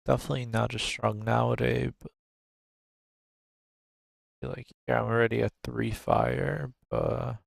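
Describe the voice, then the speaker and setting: A man's voice: medium pitch, unhurried, vocal fry, long pauses, no room sound. A man streaming a game, casually thinking aloud about his moves at a desk microphone. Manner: relaxed, musing, thinking aloud. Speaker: gaming streamer. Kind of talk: casual gameplay commentary.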